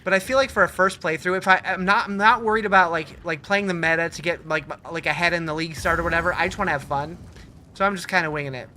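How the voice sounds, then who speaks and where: Male game streamer, high bright voice, casual and laid-back, chatting with viewers over faint noise. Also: fast. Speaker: game livestreamer. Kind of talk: casual gaming commentary, answering chat.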